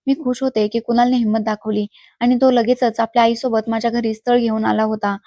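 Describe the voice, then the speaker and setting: A woman's voice: on the high side, flat delivery, a little fast, dark tone, no echo. Level-voiced woman narrating a story. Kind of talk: first-person story narration.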